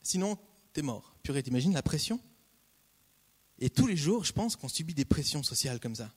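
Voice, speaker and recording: A man preaching a casual, conversational sermon, repeating key phrases and breaking off into lively asides. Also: on the high side, moderate pace, breathy edge. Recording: long hall reverb.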